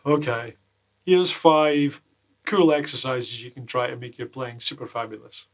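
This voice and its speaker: A man teaching guitar exercises in a casual lesson from a small home studio, full of deadpan jokes between the explanations. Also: medium pitch, a little slow. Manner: jokey, deadpan asides. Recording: loud guitar playing behind the voice.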